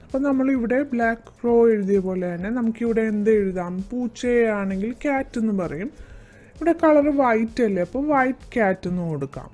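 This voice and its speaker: A woman teacher with a Malayali accent explaining a school lesson, reading English lines slowly and deliberately before explaining them. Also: on the high side, animated, a little mellow, soft background music.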